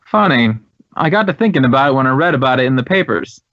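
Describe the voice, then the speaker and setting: In a dry, dull vintage radio recording with no room sound, an American man plays an earnest, talkative drama school head in 1950s radio drama dialogue. His mid-range voice is fast and fairly bright, with lively intonation and emphatic, reflective phrasing.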